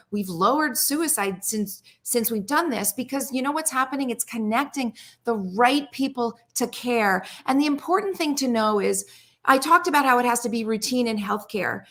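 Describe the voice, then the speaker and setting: Woman guest expert, somewhat high voice, earnest storytelling, restarts her sentences. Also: lively intonation, normal speed, a bit bright. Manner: earnest storytelling, repeats words when restarting. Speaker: guest psychologist. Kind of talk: talk show interview.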